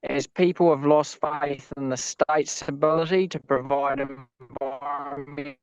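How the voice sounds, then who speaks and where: Man, New Zealand accent, fifties, a touch high, dry dull line, buzzy glitchy video-call audio. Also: steady tone, a little slow, clean tone, dry recording. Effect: buzzy, glitchy video-call audio that breaks up. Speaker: farmer making a submission. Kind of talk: reading a formal submission.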